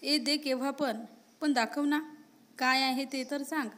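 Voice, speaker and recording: Woman voicing a lively lovestruck college girl. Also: sits high, unhurried. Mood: playful. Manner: indignant, playful back-talk. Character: lively young woman college student in love.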